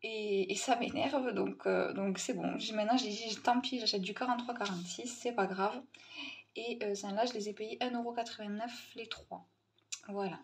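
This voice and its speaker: A young adult woman from Tunisia, chatting casually in a haul video, pausing often and restarting her sentences. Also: medium pitch, fairly even intonation, creaky, a little hiss or hum. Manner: hesitant, many fillers and restarts, chatty. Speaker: vlogger.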